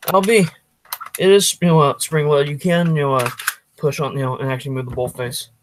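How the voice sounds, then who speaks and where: A man hosts a casual livestream, thinking aloud off the cuff while reading chat. His voice sits fairly high with a steady tone, his pace runs a little fast, and there's a faint hiss or hum.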